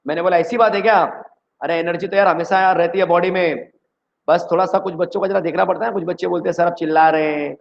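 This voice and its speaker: A man from India teaching chemistry in an energetic online exam-prep lecture, who keeps quizzing his students. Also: high-pitched, quick pace, creaky, dull audio.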